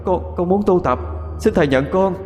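A man's voice: sits high, normal speed, a little mellow, long reverb tail, voice pushed up, natural voice. Man doing a stammering, begging ancient ghost. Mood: pleading. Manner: stammering, pleading.

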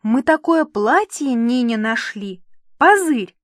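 A woman's voice: sits high, lively intonation, slow pace, darkish tone, dry recording, clean studio sound, voice pushed up. A woman reading aloud, voicing an eager, chattering little girl. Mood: excited.

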